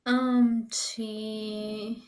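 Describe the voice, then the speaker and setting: A woman's voice: fairly high pitch, little pitch movement, very slow, darkish tone. A woman student answering in an English lesson, hesitant and searching for words.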